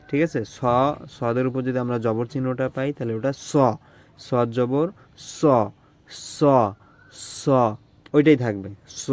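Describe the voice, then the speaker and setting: A man's voice: medium pitch, a little mellow. A man teaching Arabic letter pronunciation, repeating each syllable several times and checking in with the listener. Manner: drills syllables over and over, checks in with "okay?".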